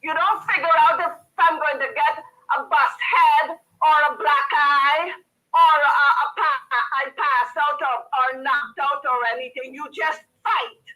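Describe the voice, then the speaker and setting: A woman's voice: high voice, fairly even intonation, unhurried, sharp tone, poor audio. A woman from Guyana calling in to a talk show, speaking in a fiery, rousing, emphatic way. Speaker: caller. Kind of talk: call-in opinion.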